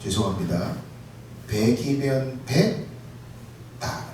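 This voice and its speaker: A pastor preaching an impassioned sermon, often shouting for emphasis and acting out quoted words. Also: male voice, mid-range voice, lively intonation, takes it slowly, slight background noise. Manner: acts out listeners' and Jesus' words in quotes. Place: church sanctuary. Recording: echoey church hall, mic far off.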